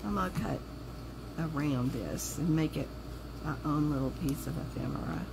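At normal speed, a woman chats her way through a craft project on a livestream, her sore throat making her voice rougher and lower than usual. She thinks aloud as she works, recorded by an overhead table camera that frames just her hands, with a constant hum from a noisy room behind her.

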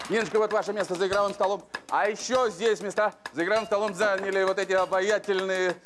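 A middle-aged man hosting a TV lottery show as a bingo caller, announcing numbers and prizes in a theatrical, drawn-out showman's manner. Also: sits high, fairly even intonation, fairly bright tone, slight background noise. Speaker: TV lottery game show host. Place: TV studio with seated audience.

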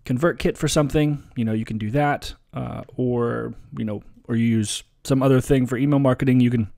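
A man presenting a relaxed, casual software tutorial over a screen recording, with frequent ums and uhs. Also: mid-range voice, fairly quick, creaky. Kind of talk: screen-share software walkthrough.

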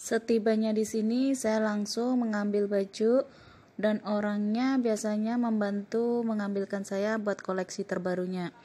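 A woman in her thirties from Indonesia, calmly narrating a shopping trip as a vlog voice-over. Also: medium pitch, measured pace, slight background noise. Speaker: vlogger.

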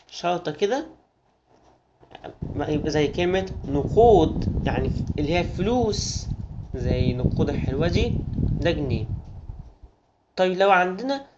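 Fast-talking Egyptian man teaching children. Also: a little high. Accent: Egyptian Arabic. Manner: coaxing, sing-song, addresses kids as friends. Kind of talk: children's lesson. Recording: dull lo-fi recording with noise.

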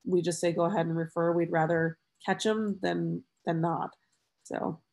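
A nasal-voiced woman presents on a video call. She talks fast and friendly, pitched a little low for a woman. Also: flat delivery, vocal fry, a little mellow. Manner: quick, friendly, uses y'all. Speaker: webinar presenter. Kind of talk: fast-paced webinar wrap-up.

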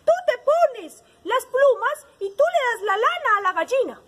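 A woman's voice: very high voice, big pitch swings, measured pace, pitched above the performer's own voice, heavily acted. A woman voicing a chirpy, wise parrot in a children's story, squawking in a sing-song way. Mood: advising. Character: chirpy wise parrot, playful know-it-all. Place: outdoor garden.

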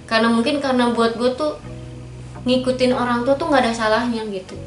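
A woman's voice: a little high, steady tone, a little fast. A woman, speaking frankly and firmly as a guest about her own life. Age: 30s. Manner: frank and firm, many filler tags. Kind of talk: candid personal interview. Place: small indoor pink-decorated studio. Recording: roomy echo with faint background music.

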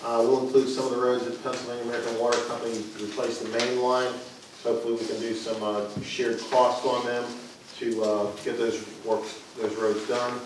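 A man, the borough engineer, giving a matter-of-fact project report to council, halting now and then with fillers. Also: medium pitch, level tone. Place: council chamber. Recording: echoey room from far off with noise.

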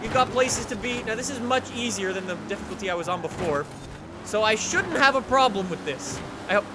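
A young man commentating a racing game let's play, excitable and energetic, sometimes breaking into shouts. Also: high-pitched, fairly quick, very noisy. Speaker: gaming YouTuber.

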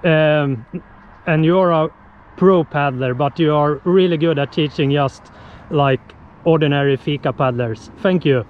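A Swedish-accented man in his thirties hosts a casual vlog outdoors by a lake, holding an action camera at arm's length. His fairly high voice comes through slowly and cheerfully in plain non-native English, with a little hiss or hum over the dull outdoor camera audio.

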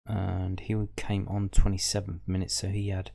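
A low-pitched, husky voice with vocal fry and a dark tone comes through in a monotone at a moderate pace. The man, a fan podcast host, is reading football match stats off the screen and musing aloud in casual commentary.

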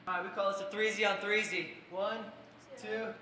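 Excited whooping man in a home video, very high voice, distant, noisy and echoey. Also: normal speed. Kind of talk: home video clip played back. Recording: noisy, echoey clip from far off.

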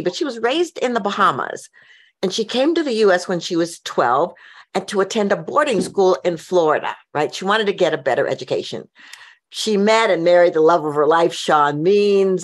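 A woman hosting a podcast interview, introducing her guest with upbeat enthusiasm. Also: on the low side. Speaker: host.

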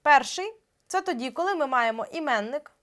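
A young woman teacher giving an exam-prep grammar lesson, explaining step by step and drawing out example words slowly. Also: sits high, animated, a bit bright. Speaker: Ukrainian language teacher.

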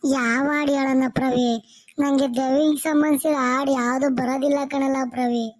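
A woman voicing a simple, scared village boy in a cartoon, speaking rustic Tumkur Kannada in a rapid, worried way. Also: sits high, level tone, close to an everyday voice. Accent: rural Tumkur Kannada.

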